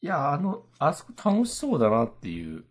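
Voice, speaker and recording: Animated man chatting casually. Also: a little high, slightly rough. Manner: quick back-channel replies, laughs along. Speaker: podcast co-host. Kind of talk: casual chat.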